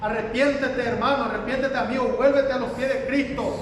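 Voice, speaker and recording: A man's voice: very high voice, steady tone, a little fast. A man preaching a sermon as a pastor, emphatic, repeating his phrases and asking the congregation for amens. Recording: echoey hall, distant mic, faint background noise.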